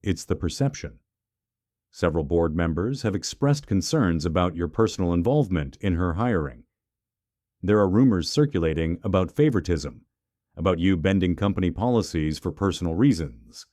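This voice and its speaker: A man reading the part of a careful female assistant who raises concerns with her boss, speaking in a measured, respectful way. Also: sits low, lively intonation, warm tone, dry recording, studio quality. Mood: concerned. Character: assistant warning her boss, cautious woman.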